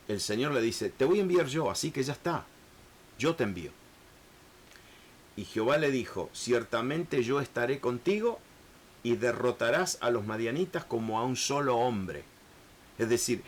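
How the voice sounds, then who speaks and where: A man teaching a Bible lesson in an earnest, halting way, often restarting words and acting out the people in the text. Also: mid-range voice, slight background noise. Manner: earnest, repetitive, many hesitations and restarts; acts out biblical speakers in shifting voices.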